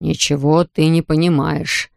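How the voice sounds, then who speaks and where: A woman voicing a stubborn sixty-one-year-old father in an audiobook, grumbling slowly. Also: sits low, level tone, gravelly, darkish tone, no room sound, clean studio sound. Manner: slow, grumbling.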